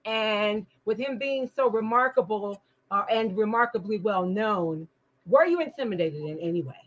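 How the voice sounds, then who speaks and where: A talk show host with an expressive, medium-pitched voice conducts an interview at a moderate pace, asking long, encouraging questions that she rephrases as she goes. The highs are cut off in the recording.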